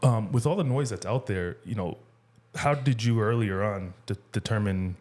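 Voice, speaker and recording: Male podcast host with a very deep voice; casual, rambling interviewer. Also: moderate pace, darkish tone. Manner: rambling, many fillers and restarts.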